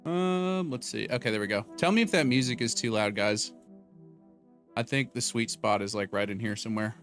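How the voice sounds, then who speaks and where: A man's voice: mid-range voice, normal speed, fairly bright tone. A young adult man hosting a casual live stream, joking and reading out viewer names and donations at a desk mic in a home room. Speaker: streamer host. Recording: faint background music. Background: background music.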